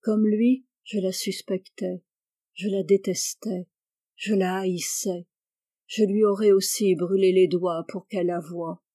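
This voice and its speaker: A woman narrating a classic short story as an audiobook, measured and expressive. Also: mid-range voice, dry recording, studio quality.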